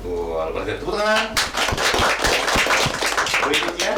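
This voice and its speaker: A man's voice: a little high, huge pitch swings, measured pace. A man hosting a podcast, joking and laughing as he talks. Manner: jokey, laughing, upbeat. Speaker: podcast host. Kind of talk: casual chat. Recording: echoey room, mic far, loud background noise.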